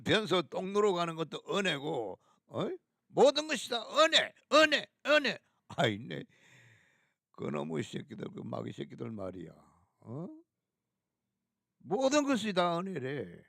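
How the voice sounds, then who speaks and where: Fiery gravelly man preaching. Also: on the high side, very animated, no echo, clean studio sound. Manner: fiery, harsh, scolding with coarse insults; sings a hymn slowly. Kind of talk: fiery sermon.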